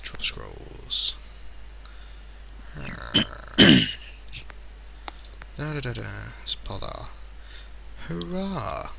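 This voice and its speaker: Gravelly, bright-toned man muttering through gameplay. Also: medium pitch, wildly swooping pitch, drawn-out words, long pauses, slight background noise, poor audio. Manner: mutters to himself while playing, playful. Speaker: co-host playing the game on stream. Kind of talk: casual gameplay chatter.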